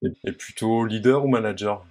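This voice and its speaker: A man hosting a casual interview, asking quick questions in a friendly, informal way with frequent hesitations. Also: fairly low pitch, a little mellow. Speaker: interview host.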